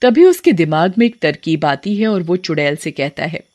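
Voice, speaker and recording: A narrator telling a cartoon folk story in a scripted, even storytelling manner. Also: mid-range voice, normal speed.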